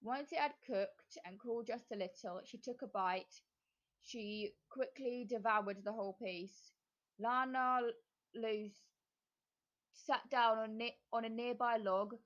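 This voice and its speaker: A woman reading a children's story aloud in a gentle, unhurried way. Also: fairly high pitch, lo-fi sound.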